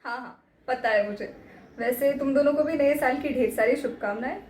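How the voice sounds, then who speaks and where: A woman's voice: high voice, moderate pace, darkish tone, echoey room, slight background noise, natural voice. A woman playing a mother and wife in a student skit, bossy and teasing with her family. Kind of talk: amateur student drama acting.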